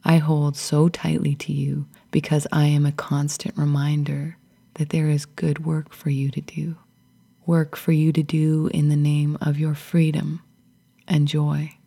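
A tender, fierce spirit of fear speaks to a girl in a hushed, loving whisper, as a woman narrator gives it voice. The tone is low and gravelly, slow and breathy. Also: monotone, exaggerated voice. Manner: soft, loving, whispery address.

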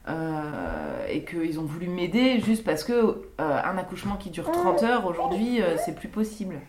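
A young woman with a slightly low voice recounts her birth stories in a soft, intimate, reflective way. She talks unscripted and halting, stopping often on fillers as she gathers her thoughts. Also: sing-song, very noisy. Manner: hesitant, many pauses and fillers. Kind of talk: unscripted personal testimony.

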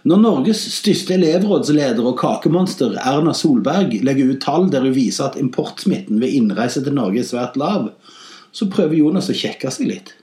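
A man hosting a comedy podcast, telling comic stories and giving satirical commentary in an animated voice with sarcastic, deadpan jabs. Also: roomy sound. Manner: animated, with big swings in pitch and loudness.

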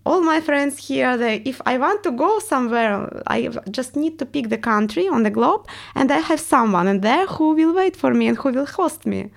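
Creaky-voiced woman with a Russian accent. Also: sits high, animated. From Estonia. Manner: halting, searching for words in non-native English. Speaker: interview guest. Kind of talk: reflective personal interview talk.

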